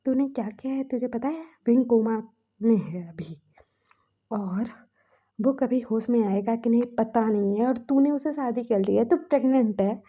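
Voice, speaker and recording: A woman's voice: a little high, normal speed, warm tone, muffled recording, close to an everyday voice. A woman voicing an angry, protective young older brother who scolds and demands answers. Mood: angry scolding.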